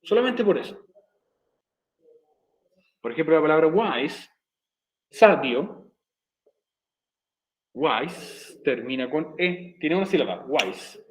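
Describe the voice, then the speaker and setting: Man, teacher, slightly high voice, slow repetitive explaining, echoey room. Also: animated, a little hiss or hum. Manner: slow, repeating explanations step by step. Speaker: English teacher. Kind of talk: recorded video lesson.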